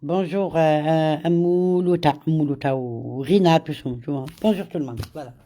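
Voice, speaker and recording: A low-pitched, warm-toned woman hosts a laid-back live stream despite having a cold. Her pace is slow and she repeats words while greeting viewers by name, sometimes in Arabic.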